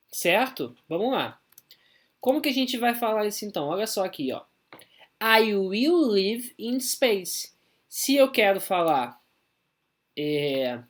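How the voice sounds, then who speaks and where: Brazilian male teacher, recorded lesson; chatty quick explaining, drawn-out stressed English examples. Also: sits high. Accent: Brazilian Portuguese. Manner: brisk explanations with frequent "tá?", slow emphatic reading of English examples.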